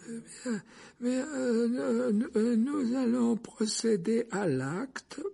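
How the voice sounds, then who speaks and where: A man's voice: very high voice, animated, slow pace, vocal fry, mellow, husky, voice pushed up, full character voice. A man voicing a shaky, stammering elderly male committee official in an audiobook. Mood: flustered. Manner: quavering, stammering.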